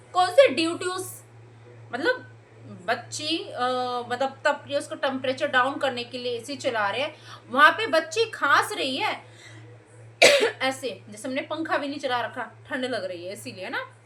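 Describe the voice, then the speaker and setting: A young woman with a high, bright voice tears into her online rivals in a heated reaction video. She scolds and jeers, and she mimics the people she mocks with sarcastic edge. A faint hiss of noise sits under her voice. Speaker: YouTube reaction commentator.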